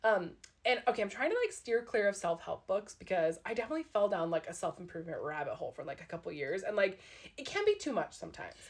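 A woman's voice: medium pitch, very animated, fast, breathy edge. A young woman recorded in an attic, chatting casually and self-deprecatingly as a podcast co-host, with "like" peppered through her talk. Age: young adult. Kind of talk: casual personal chat.

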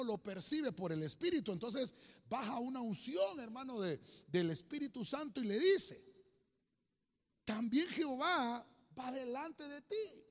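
Fervent preacher man, high lively voice. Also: in a large hall. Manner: fervent, repeatedly says "hermano". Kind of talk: sermon. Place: small church gathering, in a home.

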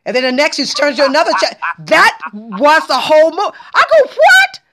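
A woman hosting a casual podcast chat, talking animatedly and exclaiming loudly when she gets excited. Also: sits high, moderate pace. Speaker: podcast host.

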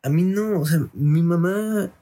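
A man's voice: sits high, measured pace, dark tone. A young man with a Mexican accent, co-hosting a podcast in casual, joking chat full of slang. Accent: Mexican Spanish. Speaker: podcast co-host.

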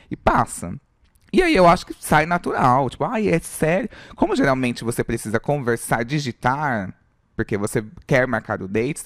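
A man's voice: medium pitch, no room sound. A Brazilian man talking loosely on a podcast, joking around in a casual way. The sound is dry and close, with no room around his voice. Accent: Brazilian Portuguese. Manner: loose and joking, with frequent fillers.

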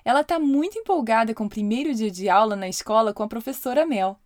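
A woman hosting a children's podcast, narrating a story in a lively storytelling voice. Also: fairly high pitch, fast, no echo, studio quality.

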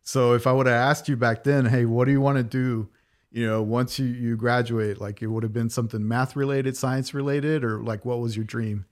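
A man's voice: medium pitch, little pitch movement, normal speed, darkish tone. A man hosting a podcast, interviewing a guest in a casual chat with upbeat, eager interjections. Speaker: podcast host.

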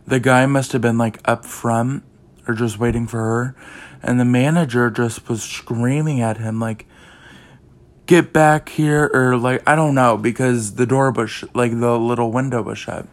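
A man's voice: medium pitch, steady tone, normal speed. A young man hosting his own podcast, chatting casually and rambling with lots of fillers. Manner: rambling, heavy use of "like" and "um". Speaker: podcast host. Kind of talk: casual chat.

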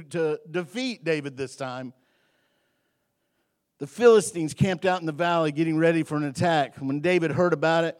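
Middle-aged male pastor, lively sermon delivery, voice pitched a touch high, swings from hushed to loud. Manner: lively preaching, swings between loud and soft, repeats words. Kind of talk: evening sermon. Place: church sanctuary.

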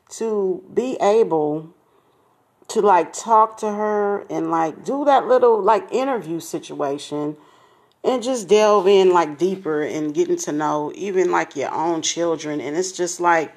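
A woman's voice: on the low side, a little mellow. Upbeat slangy woman podcast host. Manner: upbeat, slangy and chatty, addresses listeners directly; smiling and laughing as she talks. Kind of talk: casual podcast chat.

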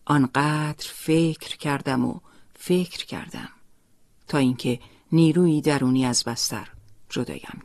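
A woman tells a scripted first-person story in a soft, breathy voice that often sinks into a near-whisper. Her tone is husky and unpolished rather than crisp. The recording is dry and close, with no room sound. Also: rumbling low, dry recording. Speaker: narrator.

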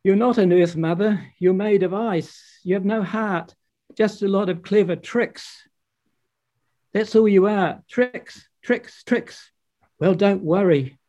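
A man's voice: sits high, slow, muffled recording, pitched above the performer's own voice. A man doing a furious teenage girl. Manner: shouting, bitter. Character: angry teenage girl lashing out.

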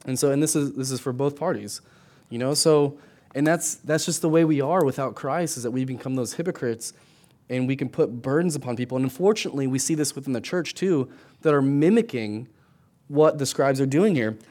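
A man's voice: mid-range voice, a little fast, darkish tone. A middle-aged man, a pastor, preaching a sermon in a conversational way, often adding "right?" and restarting his words. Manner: conversational preaching with frequent tag questions.

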